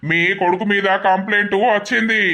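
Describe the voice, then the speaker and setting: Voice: medium pitch, steady tone, brisk, sharp tone. A performer plays a stern male police officer in a village cartoon, brusque and commanding. He speaks.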